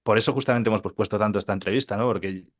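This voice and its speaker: Here a man from Catalonia, Spain, somewhere in his 30s, chats as a podcast guest about his life as a digital entrepreneur. He has a low voice and a casual, halting way of talking, full of repetitions and tag questions, as he tells interview stories.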